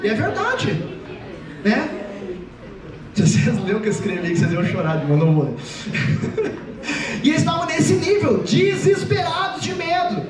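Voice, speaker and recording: Youth preacher, playful and animated, heard from afar in an echoey hall. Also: male voice, very high-pitched, normal speed, pauses often, recorded from a distance, a crowd in the background. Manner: animated, joking, acts out voices. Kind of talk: lively comic youth sermon. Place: church hall.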